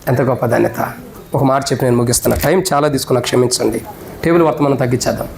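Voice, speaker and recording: A male pastor preaching a sermon, swinging between loud, raised preaching and low, quiet asides to the congregation. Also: steady tone, very fast, gravelly, reverberant, a little hiss or hum, poor audio.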